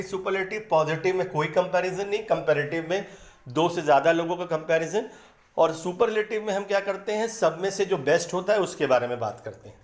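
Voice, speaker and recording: A man with a high voice teaches grammar in a patient, explanatory way. He repeats words slowly to break them into syllables. The room around him is echoey. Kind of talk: explanatory lesson in Hindi.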